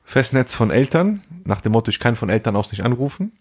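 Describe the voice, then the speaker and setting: A man's voice: medium pitch, a little fast. A man co-hosting a podcast, telling a story in a casual, slangy way and acting out the people in it. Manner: animated storyteller, acts out phone calls, slangy. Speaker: podcast co-host.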